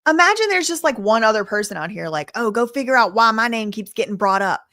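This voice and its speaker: Fast and expressive, her voice rides on the high side, pushed and bright, as this Louisiana streamer sassily chats with viewers and answers their messages. There's no echo, and the sound is studio quality.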